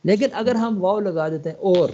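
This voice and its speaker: A high-pitched man from Pakistan teaches an online Arabic class, his tone mellow and soft-edged. He walks through each point patiently and reads lines aloud slowly. The sound is muffled, like a dull call line. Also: a little hiss or hum. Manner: explains step by step, reads English lines aloud slowly, keeps checking with "okay?". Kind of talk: online language lesson.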